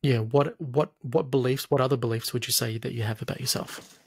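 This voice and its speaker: A man in his thirties with a medium-pitched voice, recorded dry. He guides a client as a therapist, asking patient questions and offering steady reassurance. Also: a little fast, breathy edge, no room sound. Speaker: hypnotherapist, coach. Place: small room, video call.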